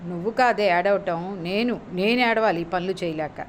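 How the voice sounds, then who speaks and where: A woman's voice: medium pitch, moderate pace, a little hiss or hum, close to an everyday voice. A woman voicing an overworked, henpecked husband in a spoken story, grumbling and exasperated.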